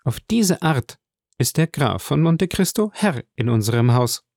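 A man's voice: on the high side, big pitch swings, unhurried, vocal fry, darkish tone, no room sound, studio quality, heavily acted. A man voicing an anxious, earnest young woman in love, speaking in a pleading, emotional way in an audiobook. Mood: agitated.

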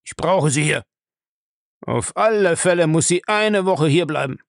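A man reading aloud and voicing a gruff, menacing old castle owner who grumbles slowly. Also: mid-range voice, fairly bright tone, dry recording, clean studio sound.

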